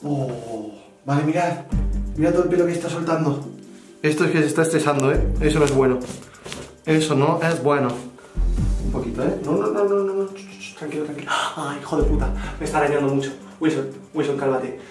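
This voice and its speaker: A man's voice: fairly high pitch, fast talker, distant mic. A young man, talking casually in a home vlog while soothing and coaxing a pet. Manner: coaxing, soothing talk to a pet, with sudden pleading outbursts. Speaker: vlogger. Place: home bathroom. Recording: roomy echo, away from the mic, music behind.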